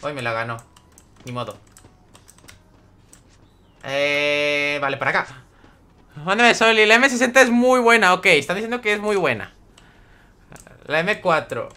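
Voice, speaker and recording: A man's voice: high voice, sing-song, a little slow, long pauses, sharp tone, clean tone. A young man streaming a game live, chatting with viewers, greeting them by name and reading the chat aloud. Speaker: gaming streamer.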